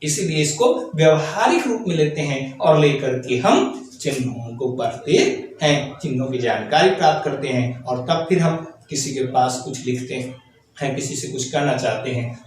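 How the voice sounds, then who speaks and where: Male teacher, slightly high voice, explains with rhetorical questions, recorded from across a very echoey classroom. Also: far from the mic, slight background noise. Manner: explanatory, addresses students directly with rhetorical questions. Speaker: school teacher. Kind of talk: classroom grammar lesson.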